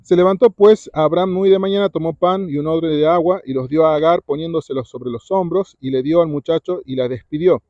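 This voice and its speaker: A man's voice: fairly high pitch, fairly quick, few pauses, mellow, no echo. Guy preaching to kids, keeps going "¿sí?", dry close sound, kinda muffled. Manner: keeps asking the audience questions, tags lines with "¿sí?". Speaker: youth retreat speaker. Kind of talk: Bible talk to preteens. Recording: dull lo-fi recording.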